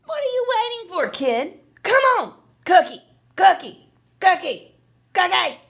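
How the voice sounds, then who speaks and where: A woman's voice: extremely high pitch, sing-song, slow, pushed and bright, heavily acted. A woman voicing a pushy, greedy talking sweet tooth that whines and demands candy in a storybook reading. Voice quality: whiny, demanding, impatient. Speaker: teacher.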